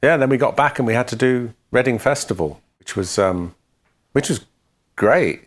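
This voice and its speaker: A man's voice: medium pitch, expressive, normal speed. A man co-hosting a podcast, telling band anecdotes in a dry, matter-of-fact way. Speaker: podcast co-host and musician. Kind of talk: casual storytelling chat.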